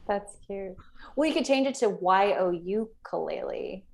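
A woman's voice: mid-range voice, lively intonation, measured pace, darkish tone. A woman interviewing a guest in a casual, playful and curious way.

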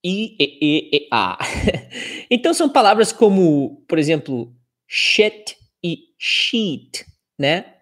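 Slow, low-voiced woman teaching pronunciation. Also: very animated. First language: Brazilian Portuguese. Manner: drills word pairs slowly, with laughs and asides. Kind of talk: casual spoken lesson.

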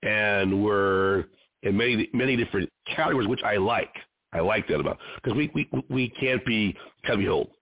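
A man's voice: on the low side, normal speed, no echo. A man hosting his own independent show, asking long, rambling questions in a loose, conversational way. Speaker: host and producer of an independent show. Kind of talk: interview hosting. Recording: dry, tinny phone-line sound.

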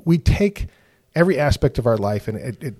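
A husky-voiced man in casual faith-based podcast talk. He delivers points with preacher-like emphasis and sudden upward lifts. His pitch sits in the ordinary middle range, and he often repeats himself as he checks the listener is following. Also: a little fast. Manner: animated, repeats "right?" often, restarts words.

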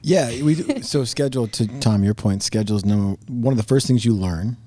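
A man's voice: medium pitch, expressive, brisk, dark tone. A man co-hosting a podcast, jokey and loose in casual chat. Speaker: podcast co-host.

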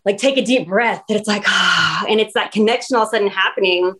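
A woman talks quickly in a relaxed podcast chat, her pitch sitting in the middle range. She is earnest and rambling, stacking up fillers as she explains things. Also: breathy edge. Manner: earnest, rambling, heavy use of "like". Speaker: guest. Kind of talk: casual podcast conversation.

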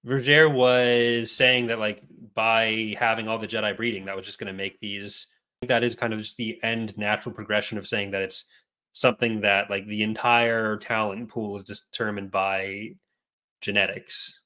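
A man's voice: lowish voice, level tone, bright, forceful tone. Enthusiastic man in casual podcast chat. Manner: quick, enthusiastic, filler-heavy. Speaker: podcast co-host.

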